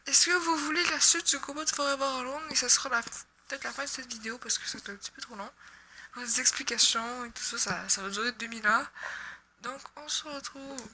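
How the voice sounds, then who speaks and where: Brisk and bright, this young Quebec gaming YouTuber speaks on the high side with a forceful tone and a Québécois accent. She jokes casually while playing and curses at her misses. There's slight background noise.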